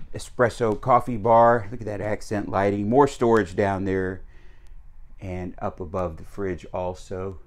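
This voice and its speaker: A man giving a casual walkthrough tour of a travel trailer. He talks in a relaxed, chatty way with frequent fillers, recorded on a handheld camera mic while he walks around inside. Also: fairly low pitch. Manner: easygoing, chatty, with frequent uh fillers and small restarts. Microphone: handheld camera mic while walking.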